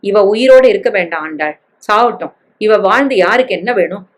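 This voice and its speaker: A woman voicing a troubled working mother who speaks to her daughter with deep feeling. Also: expressive, brisk, close to an everyday voice. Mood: despairing. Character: grieving, furious working mother.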